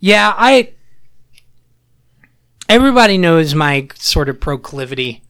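A man in casual podcast conversation, talking haltingly and often repeating his phrases. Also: on the high side, sing-song, a bit bright, clear, resonant tone. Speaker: podcast host. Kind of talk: casual music chat.

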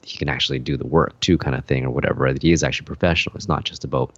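Casting: low male podcast co-host, rambling casual talk, dry dull-sounding recording. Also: steady tone, racing, dry recording. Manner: rambling, many fillers and restarts. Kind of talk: casual chat.

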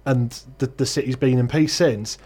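A man's voice: mid-range voice, normal speed, mellow, husky. A man from Middlesbrough with a Teesside accent, co-hosting a casual podcast in a blunt, jokey, mildly sweary way. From Middlesbrough, northeast England. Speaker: podcast co-host.

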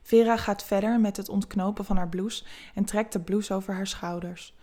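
Soft-spoken woman reading erotic stories. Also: medium pitch, fairly even intonation, normal speed. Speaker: narrator.

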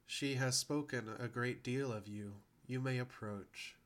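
A man voicing a large, polite insect alien healer who speaks in a slow, measured, formal way. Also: mid-range voice, lightly acted.

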